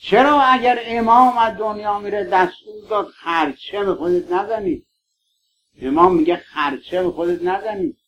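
High-voiced pleading male preacher, lo-fi. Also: a little hiss or hum. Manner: pleading, affectionate appeals to listeners. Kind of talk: mourning sermon. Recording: dull lo-fi recording.

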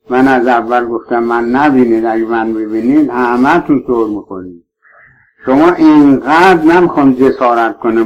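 Man preaching an emphatic sermon, lo-fi. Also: medium pitch. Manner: emphatic, pleading, swears oaths for stress.

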